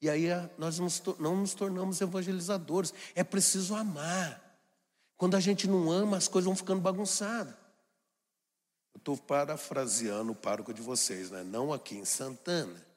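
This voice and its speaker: A man preaching a homily with an animated, storytelling manner. His voice sits high for a man. Long reverb from the church rings behind him. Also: normal speed. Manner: animated, acts out family scenes in put-on voices. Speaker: priest.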